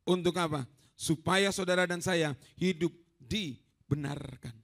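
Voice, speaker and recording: A man preaching a lively storytelling sermon in a church hall. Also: a little high, measured pace, vocal fry. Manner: lively, storytelling, addresses listeners as saudaraku.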